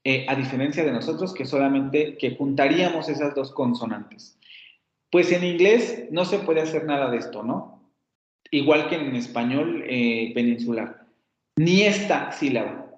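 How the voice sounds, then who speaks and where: Mexican man lecturing in a roomy, dull room. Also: medium pitch. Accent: Mexican Spanish. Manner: explanatory, repeats example words slowly, self-correcting. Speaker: university phonetics teacher. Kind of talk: classroom lecture. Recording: roomy, dull lo-fi classroom recording.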